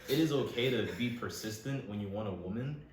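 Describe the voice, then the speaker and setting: A man's voice: fairly low pitch, expressive, fairly quick. A young man co-hosting a podcast, telling stories in a laid-back, casual way. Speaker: podcast co-host. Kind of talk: casual chat. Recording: echoey room, distant mic, faint noise.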